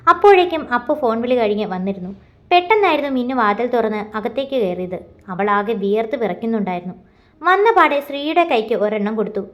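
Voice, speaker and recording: A woman reading a love story aloud as storyteller in a plain, steady way. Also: a little high, fast.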